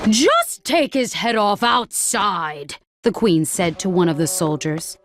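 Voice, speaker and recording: Woman reading a storybook aloud. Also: on the low side. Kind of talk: scripted storybook narration.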